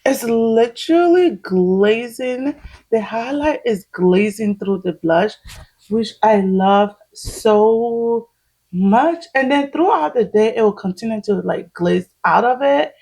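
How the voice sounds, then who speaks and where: A woman's voice: fairly high pitch, lively intonation, slow pace, mellow, husky, low-quality recording. A woman, chatting casually at home while doing her makeup, laughing often as she explains each step. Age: 30s. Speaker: vlogger.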